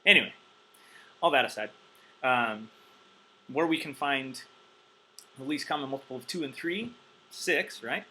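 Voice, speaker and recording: A man's voice: medium pitch, expressive, a little slow, pauses often, bright, forceful tone, a little hiss or hum, low-quality recording. A man teaching drums in a loose, chatty way, counting beats aloud with plenty of ums, wired on caffeine. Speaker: drum teacher. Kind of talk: casual instructional talk.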